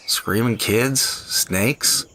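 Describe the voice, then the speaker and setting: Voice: mid-range voice, very slow, sharp tone, heavily acted, poor audio. An actor playing a glum, sardonic, apologetic wasteland survivor in a comic audio drama.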